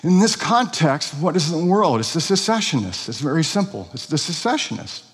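A man's voice: a little high, very animated, normal speed, in a large hall. A pastor preaching an expository sermon, earnest and emphatic, asking rhetorical questions of his congregation.

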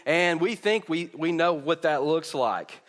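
Man, slightly high voice, informal sermon, repeated phrase starts, pulpit microphone, long hall reverb. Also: a little slow, a bit bright. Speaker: preacher. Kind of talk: conversational sermon to a congregation. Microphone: pulpit or stage microphone over PA.

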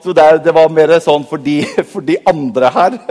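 Lively, joking male preacher with church echo. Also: fairly high pitch. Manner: lively, joking, swings between loud and soft. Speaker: pastor. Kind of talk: sermon.

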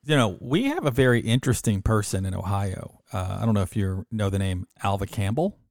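Laid-back podcast host guy cracking jokes, lowish voice, dry room. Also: expressive, a little fast, darkish tone, no room sound. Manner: joking, easygoing interviewer. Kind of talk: casual podcast chat.

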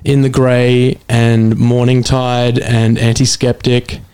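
An Australian man in his thirties chats casually on a podcast, telling relaxed stories peppered with swearing. His voice stays level and even in pitch, with little rise or fall. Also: slow, clean tone. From Brisbane, Australia. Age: 30s. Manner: relaxed storytelling with swearing and fillers. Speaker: musician guest.

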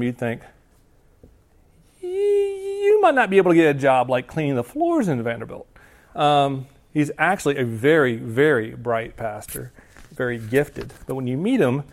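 A man preaching a sermon in a casual, conversational way, often slipping into quoted lines. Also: medium pitch. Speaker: pastor.

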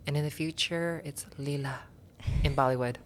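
Low-voiced bubbly woman guest. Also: fairly even intonation, normal speed, a little hiss or hum. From Canada. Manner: bubbly, laughs often. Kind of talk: casual podcast interview.

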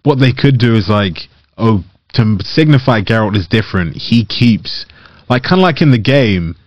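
A man's voice: fairly low pitch, animated, normal speed, a little mellow, no room sound, lo-fi sound. A man co-hosting a podcast, chatting casually and rambling with lots of filler words. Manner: rambling, heavy use of "like" fillers. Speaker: podcast co-host. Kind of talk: casual chat about games.

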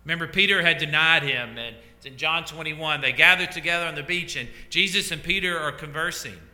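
A man preaching a sermon as pastor, slow and deliberate, letting his voice fall to a hush at the ends of phrases. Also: fairly high pitch. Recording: echoey church hall.

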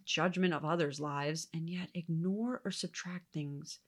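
A woman giving earnest, reflective Bible teaching, sometimes dropping into soft whispered asides. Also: low-pitched, steady tone, a little slow.

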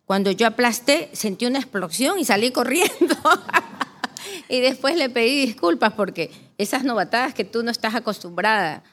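A woman's voice: on the high side, animated, fairly quick, hardly any pauses, a little hiss or hum. Middle-aged woman reminiscing about her spa. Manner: warm reminiscing, grateful. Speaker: spa founder and owner. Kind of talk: casual chat, thanking clients.

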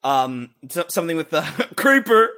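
A young man in loose, rambling podcast chat with a high voice that swings up and down a lot. His tone is bright and forceful. He swears freely and bursts into shouted quotes. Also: sing-song, normal speed. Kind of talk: casual chat.

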